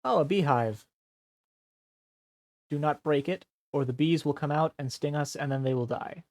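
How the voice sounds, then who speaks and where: A man's voice: a little high, normal speed, darkish tone, no echo. A man streaming a game, chatting casually and explaining things patiently in simple steps. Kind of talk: casual gameplay chat.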